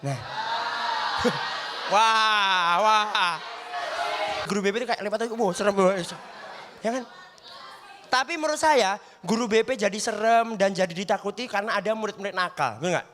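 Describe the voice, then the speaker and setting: Bright high-voiced young comedian. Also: male voice, moderate pace, pauses often. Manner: chatty, keeps asking the crowd for agreement. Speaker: stand-up comedian. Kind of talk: stand-up comedy set. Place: studio stage with live audience.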